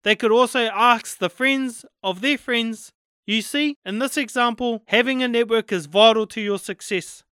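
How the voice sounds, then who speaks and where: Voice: mid-range voice, moderate pace, a bit bright, smooth, no room sound, clean studio sound. A podcast host and narrator with a Māori New Zealand accent, speaking in a plain, informal way. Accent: Māori New Zealand English. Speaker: podcast host and audiobook reader. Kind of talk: podcast intro and scripted narration.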